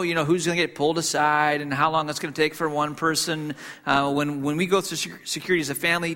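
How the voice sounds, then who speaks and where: A man from Hong Kong tells a story as a pastor in a sermon, his voice bright and forceful with a slightly high pitch. He talks conversationally, with frequent fillers and restarts. The sound carries a long reverb from a church hall.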